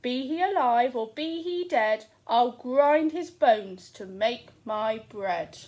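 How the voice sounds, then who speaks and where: A woman voicing a huge, hungry male giant who chants his threats loudly and slowly. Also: on the high side, expressive. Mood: menacing. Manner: loud, slow, chanting threats.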